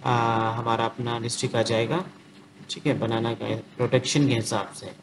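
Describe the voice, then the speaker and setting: A man from Sindh, working through quiz questions as a teacher. He reads each question out slowly in English, then explains it unhurriedly in with lots of fillers. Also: medium pitch, fairly even intonation. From Sindh, Pakistan. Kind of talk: explaining quiz answers on a whiteboard. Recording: noticeable background noise.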